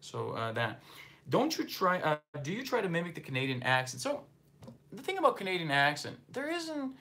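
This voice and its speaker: Pushed and bright, this high-leaning male voice swoops wildly in pitch at a normal speed. He is a livestream host born in northeastern Brazil, a native Portuguese speaker with a slight Brazilian accent, rambling conversationally with many fillers as he reads viewer comments.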